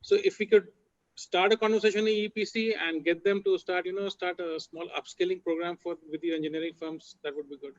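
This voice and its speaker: A man making an earnest point in an online meeting, with throat clearing and fillers. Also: high-pitched, steady tone, a little fast. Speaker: meeting participant. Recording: dull lo-fi call audio.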